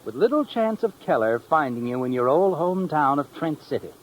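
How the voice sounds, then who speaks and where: In an old, low-quality 1950s radio suspense drama with music, an actor plays a suave, insinuating narrator who addresses the protagonist as "you." His slightly high voice is very animated and brisk, knowing and suspenseful, needling the listener with tag questions over a faint hiss or hum.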